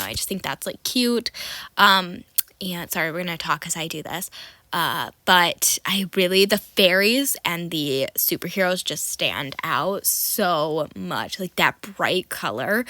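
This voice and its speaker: A woman's voice: medium pitch, dry recording. A woman with a nasal voice chatting casually in a voice-over, rambling and correcting herself with lots of ums and likes. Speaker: doll collector vlogger.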